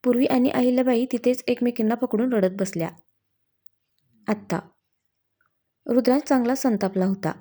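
Woman narrating a story, mellow voice. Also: a little high, steady tone, fast, hardly any pauses. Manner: reads every character's lines in her own voice.

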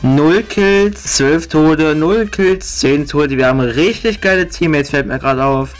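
A gamer gripes sarcastically and swears while chatting with a friend during a match, offering commentary in a mid-range voice at a slightly slow pace. Soft music plays in the background.

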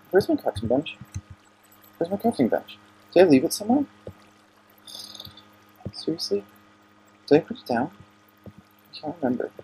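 Here a young man who hosts a gaming channel plays a video game at home, chatting to himself and quick to irritation. His voice sits on the high side with a dark tone. The lo-fi home recording carries slight background noise.

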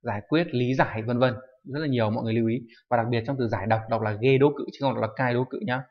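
A male teacher walks through a recorded online kanji lesson. He moves through the items at a steady pace and keeps asking brief check-in questions. His voice sits at an ordinary middle pitch, and the recording sounds a bit dull and lo-fi. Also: very fast. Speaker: Japanese teacher.

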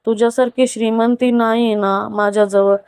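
A woman voicing a modest, caring middle-class wife who talks gently and with concern in a storybook tale. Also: a little high, fairly even intonation, moderate pace, clear, resonant tone, no echo, lightly acted. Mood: reassuring.

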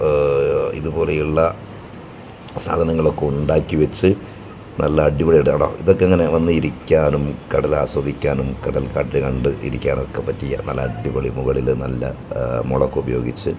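Very deep-voiced Malayali man, halting vlog narration. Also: little pitch movement, dark tone. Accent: Kerala Malayali. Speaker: vlogger and narrator. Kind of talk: casual travel vlog narration. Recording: clear background noise, outdoor ambience.

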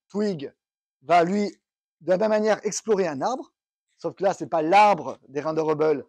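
A man's voice: high voice, darkish tone, husky, no echo, studio quality. A man giving a technical conference talk, explaining step by step and thinking aloud with restarts. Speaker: conference speaker. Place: conference room.

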